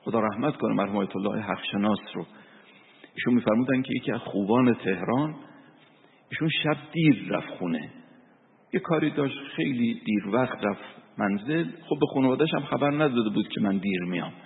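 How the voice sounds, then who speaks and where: A man's voice: mid-range voice, lively intonation. A man giving a sermon as a cleric, telling stories and reciting verse and scripture. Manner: storytelling preacher, recites verse and Quran. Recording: tinny phone-like sound with long reverb.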